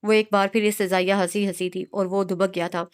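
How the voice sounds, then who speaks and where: Woman narrator, smooth clear voice, audiobook novel reading, steady and expressive. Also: mid-range voice, brisk.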